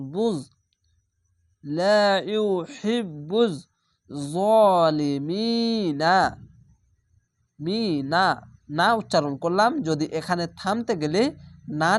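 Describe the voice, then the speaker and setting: A man's voice: high voice, dry recording, studio quality. A man teaching Quran reading, methodically spelling out syllables and then drawing out each recited word.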